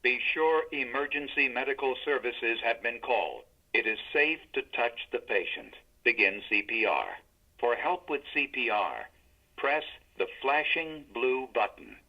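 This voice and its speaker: A man voicing a defibrillator prompt, giving calm, impersonal step-by-step instructions as the machine. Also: medium pitch, measured pace. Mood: calm, instructive. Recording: dull, lo-fi device audio.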